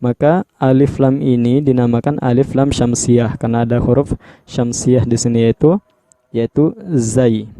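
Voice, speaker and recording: A man with an Indonesian accent gives a tajwid lesson, reciting verses and then breaking each rule down slowly and repeating the key terms. His voice is very dark and mellow. It is recorded dry and close, with no room sound. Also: medium pitch, no echo. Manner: explains patiently, repeats terms, slows to spell out sounds. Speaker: teacher.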